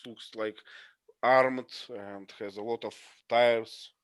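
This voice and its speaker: A man leading a casual class discussion on a video call, often pausing and searching for words. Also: medium pitch, fairly even intonation, smooth, no room sound. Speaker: discussion leader.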